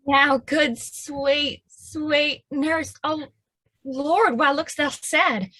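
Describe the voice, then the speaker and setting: A woman's voice: high-pitched, steady tone, drawn-out words, pushed and bright, exaggerated voice. An actress playing an impatient young girl in love with a Southern US accent, pleading eagerly in verse. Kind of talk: stage acting of verse drama.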